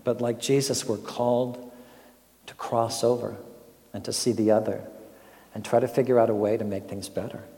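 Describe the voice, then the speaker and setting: A man's voice: mid-range voice, fairly even intonation, normal speed, warm tone, long reverb tail. An older man preaching a sermon as a pastor, telling a story and asking reflective questions.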